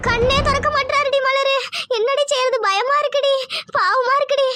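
A woman voicing an anxious young wife in a cartoon, pleading and tearful in rustic speech, with a pitched-up voice. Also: fairly even intonation, normal speed, music in the background. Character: anxious, devoted young wife of an injured man.

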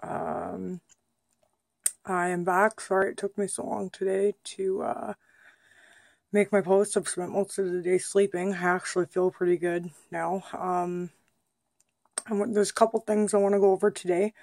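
Woman speaking with new dentures, gravelly. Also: mid-range voice, level tone, darkish tone, no room sound. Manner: unhurried, many fillers, slightly slurred speech. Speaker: vlogger. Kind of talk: casual recovery vlog update.

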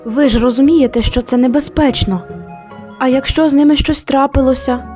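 A woman's voice: high-pitched, normal speed, warm tone, faint music behind, close to an everyday voice. A woman voicing a concerned mother dog in an audio fairy tale, speaking in an earnest way.

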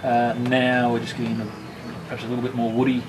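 A man's voice: medium pitch, completely flat delivery, noisy background. Man talking around a cigar in his mouth. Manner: slow, descriptive tasting notes with fillers. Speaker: cigar review panelist. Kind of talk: casual tasting discussion.

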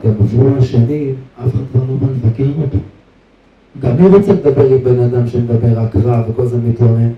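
A man's voice: mid-range voice, fairly even intonation. A man who is a rabbi tells a story in a sermon, speaking straight to his audience and building suspense. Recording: echoey, distant, dull lo-fi hall recording.

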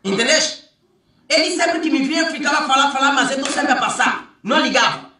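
Man, high and bright voice, mocking rant, far from the mic. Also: fairly quick, slight background noise. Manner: emphatic, mocking, repeats rhetorical questions. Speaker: vlogger. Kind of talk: ranting monologue. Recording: echoey room, far from the mic.

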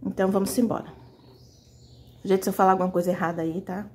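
A woman's voice: medium pitch, fairly even intonation, fast, darkish tone, slight background noise. Chatty woman teaching fabric painting. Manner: chatty, talks directly to viewers. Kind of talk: casual tutorial.

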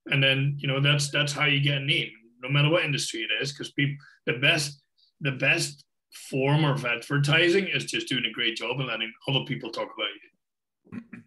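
A Scottish man in his thirties with a bright, forward tone chats casually over a video call from his home office. He rambles a bit, piling up fillers like "like" and "you know" as he guest-hosts. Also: medium pitch, moderate pace, low-quality recording. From Scotland. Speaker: guest host.

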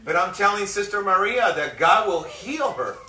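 High-voiced emphatic bilingual pastor. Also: male voice, very animated, unhurried, bright, forceful tone. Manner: emphatic, repeats each phrase in Spanish and English. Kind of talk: bilingual sermon, translating himself line by line. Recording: echoey hall, mic far off.

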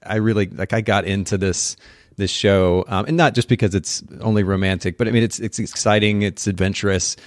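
A man's voice: on the low side, fairly even intonation, fairly quick, no room sound, clean studio sound. A man hosting a podcast interview, thoughtful and conversational, often repeating words as he restarts his sentences. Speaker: podcast host.

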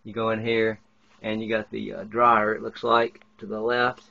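Low gravelly man narrating a boat tour. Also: completely flat delivery, normal speed, pushed and bright, no echo. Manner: rambling, unscripted, many fillers and restarts. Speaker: walk-through guide filming a boat tour. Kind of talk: casual narrated walk-through. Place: indoors aboard a yacht, small wood-paneled cabins. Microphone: handheld camera microphone. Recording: dull lo-fi camcorder audio.

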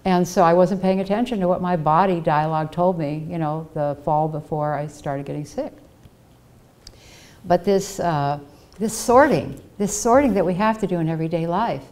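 With a fairly low, slightly mellow voice at a moderate pace, an older woman delivers a reflective personal talk as a guest speaker. She stands at a podium in a library auditorium wearing a headset mic, telling stories earnestly and acting out the voices of those she quotes.

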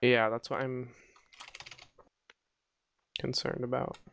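A man's voice: medium pitch, level tone, slow pace, gravelly, noisy background. A man chatting casually over a let's-play game, easygoing and curious. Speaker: gameplay commentator.

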